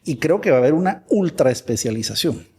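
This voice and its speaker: A man's voice: on the high side, sing-song, quick pace, dark tone, slightly rough. A man from Guatemala, a guest expert in a conversational interview, who talks animatedly and acts out imagined dialogues.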